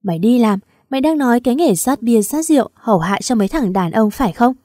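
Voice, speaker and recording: A woman reading the part of a stern, heartbroken aging father who shouts at his daughter. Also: mid-range voice, expressive, a little fast, husky, dry recording, studio quality. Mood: shouting. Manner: shouting in anger.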